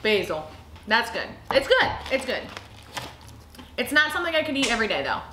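A young woman with a high, very lively voice chats casually through a tasting. She co-hosts informally, giving her opinions from a table in an echoey room. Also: a little fast. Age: young adult. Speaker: co-host of a taste-test video. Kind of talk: casual chat, giving taste reactions. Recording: echoey room, faint noise.

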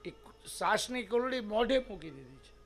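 High-voiced preacher telling a story. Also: male voice, very animated, moderate pace, faint music behind. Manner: emphatic, rhetorical questions to listeners. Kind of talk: devotional scripture storytelling sermon.

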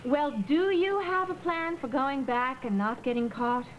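A woman's voice: high-pitched, unhurried, muffled recording, a little hiss or hum. An actress playing a sardonic, theatrical woman who teases and mocks her companion in a soap-opera scene. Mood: mocking. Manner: dry, teasing and theatrical. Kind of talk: 1990s-2000s television soap acting.

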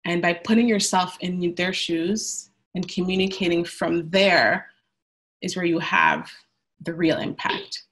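Speaking unhurriedly in a lowish, steady, fairly bright voice, the young communications manager presents slides on a video call, then leads the discussion. She's at home indoors on earbuds, chatty, using lots of "um"s, and talks about youth speaking to youth.

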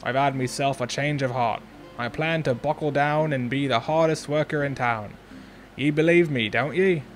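A man's voice: mid-range voice, moderate pace, soft background music, close to an everyday voice. A man voicing a boastful old pirate captain in a hammy pirate drawl, reading game dialogue aloud. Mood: sly.

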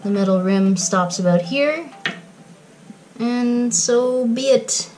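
A woman's voice: fairly high pitch, slow pace, echoey room, over music, poor audio. A woman thinking aloud and explaining as she fits a faucet in a cramped boat galley. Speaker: boat owner fixing galley. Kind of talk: casual explaining while working.

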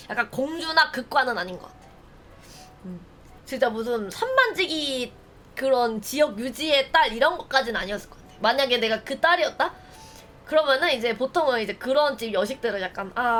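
A woman's voice: a little high, fairly bright tone, slight background noise. A young woman streamer chatting casually with viewers, telling stories playfully and acting out little scenes with laughter.

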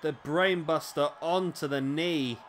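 A man's voice: fairly high pitch, a little slow, a bit bright, slight background noise. A man with hiccups giving casual play-by-play commentary on a wrestling video game. He is chatty, often adds tag questions and corrects himself.

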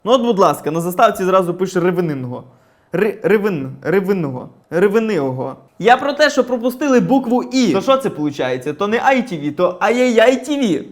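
A man's voice: high-pitched, big pitch swings, brisk. A man from Ukraine who mocks regional news stories in sarcastic comic commentary. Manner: sarcastic, mocking. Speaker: comedian reviewing regional news.

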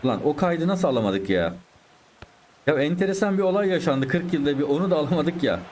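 A man's voice: a little high, animated, fast, a little mellow, a little hiss or hum. A man giving chatty live commentary over his own football video game, talking to his viewers and exclaiming at the plays. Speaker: gaming YouTuber.

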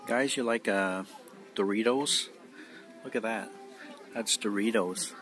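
A middle-aged man with a lowish voice films himself on his phone walking a large supermarket, amazed and rambling with fillers. He talks slowly over music, and the noisy recording carries the store's ambience.

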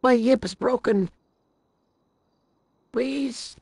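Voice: mid-range voice, very slow, darkish tone, slightly rough, dry recording, clean studio sound, heavily acted. A young person faking an old voice to play a cranky, litigious elderly granny in an improvised game role-play, plaintive and fussy. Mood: plaintive, indignant.

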